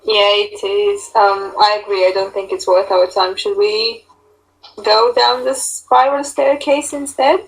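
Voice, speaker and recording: A woman's voice: mid-range voice, fairly even intonation, unhurried, creaky, poor audio. A woman playing a tabletop game, chatting casually and asking cautious questions about what to do next. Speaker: player.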